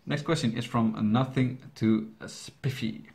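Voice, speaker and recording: A young Dutchman, a native Dutch speaker from the Netherlands, hosts a YouTube reaction channel and fields viewer questions in English. His medium-pitched voice has a darkish tone and fairly even intonation, and he takes his time. He rambles and jokes, hesitating often with plenty of fillers and restarts.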